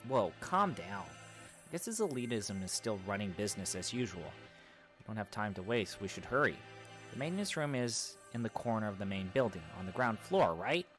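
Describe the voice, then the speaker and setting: A man's voice: lowish voice, lively intonation, a little fast, fairly bright tone, soft background music. A man playing through a visual novel and reading every character's lines aloud, switching between put-on voices and sometimes hammy accents. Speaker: let's play host reading game dialogue aloud.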